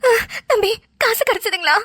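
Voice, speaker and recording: A woman's voice: very high-pitched, expressive, normal speed, fairly bright tone, no echo, studio quality. A woman voicing a frightened young wife who tearfully pleads for her husband in a cartoon.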